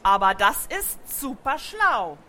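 A woman's voice: fairly high pitch, big pitch swings, takes it slowly, pushed and bright, heavily acted. A woman voicing a spirited little girl who chats proudly with a hint of defiance, in a children's audiobook. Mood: chatty.

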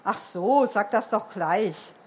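A woman's voice: mid-range voice, animated, slow pace, a little mellow, husky, voice pushed down. Woman reading as an offhand magical girl.

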